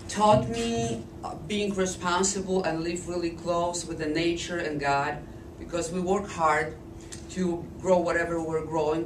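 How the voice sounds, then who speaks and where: A hoarse Polish woman in her fifties, her voice lowered by illness, recounts her life story for an oral history, speaking slowly and deliberately with frequent restarts. Her accented voice is fairly low, picked up by a distant Flip camcorder in an echoey room with background noise.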